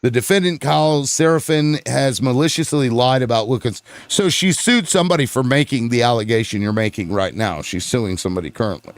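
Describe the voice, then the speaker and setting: A man's voice: medium pitch, no room sound. A man hosts a casual political panel over an online call, stopping and restarting as he looks things up. His voice sits mid-range and sounds dry and close. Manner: halting, looks things up and reads aloud. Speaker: host of a panel show. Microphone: online audio call.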